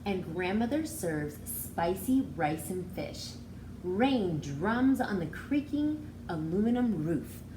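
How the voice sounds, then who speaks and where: In a small indoor room with roomy echo and faint background noise, a teacher in her thirties reads a picture book aloud to young children. She speaks expressively and explains as she goes, her low-leaning voice taking it slowly with big swings in pitch.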